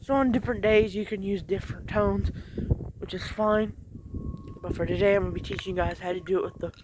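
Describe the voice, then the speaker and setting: A young man with a high-pitched voice hosts an informal tutorial. He speaks casually and directly to his viewers as if to a group of friends. The amateur recording has clear background noise. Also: steady tone, brisk, a little mellow, rough recording. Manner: informal, addresses viewers as guys. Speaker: tutorial host. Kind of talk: casual how-to lesson.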